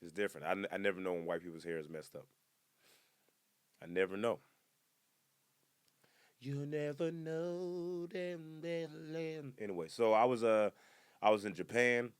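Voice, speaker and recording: His tone clear and resonant, a man in his twenties moves a little slowly through a casual comedic podcast monologue, pausing often. He's animated and switches to loud, high-pitched bursts when portraying others, recorded dry.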